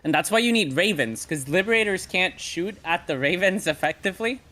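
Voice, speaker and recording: A man casting a live esports match, giving brisk play-by-play and chuckling between calls. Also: sits high, expressive, bright, forceful tone. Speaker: esports caster. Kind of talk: live game commentary.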